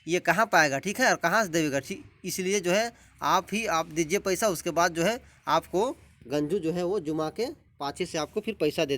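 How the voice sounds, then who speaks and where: High-pitched guy teaching a play line by line, keeps saying fillers between bits. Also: fairly bright tone. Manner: reads each line, then restates it plainly with frequent fillers.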